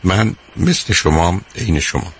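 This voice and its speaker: A man's voice: low-pitched, expressive, a loud crowd. An older man hosting a radio call-in advice show, talking emphatically and repeating his points, calling the caller dear.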